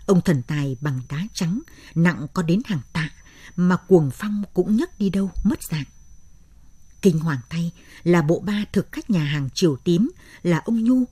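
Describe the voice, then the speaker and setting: A woman narrating a late-night radio story in a measured, steady way. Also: fairly low pitch, breathy edge, no echo.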